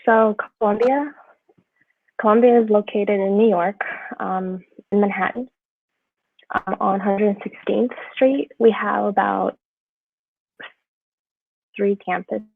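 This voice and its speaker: A woman's voice: medium pitch, fairly even intonation, creaky, dry recording, narrow, tinny audio. Woman on a choppy, breaking-up call line. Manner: halting, loses her thread as the line cuts out. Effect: choppy video-call audio, connection breaking up. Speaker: student panelist. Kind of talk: casual chat on a video call. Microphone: video call.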